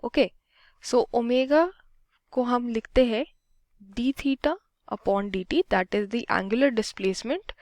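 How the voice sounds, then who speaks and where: A physics tutor speaks very slowly and unhurriedly in a slightly high voice, mixing Hindi and English as she talks through each step of a problem aloud. There's no room sound.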